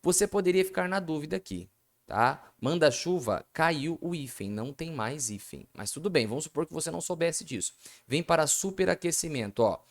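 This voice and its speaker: A man's voice: a little high, animated, a little fast. A man with a Brazilian Portuguese accent teaching a video lesson that goes through exam questions. He chats with the viewers and keeps asking himself questions, then answering them. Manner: chatty, addresses viewers as "gente".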